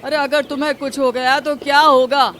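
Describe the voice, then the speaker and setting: A woman's voice: high voice, little pitch movement, moderate pace, fairly bright tone, slight background noise. A woman voicing a brave poor laborer husband. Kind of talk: cartoon story voice acting.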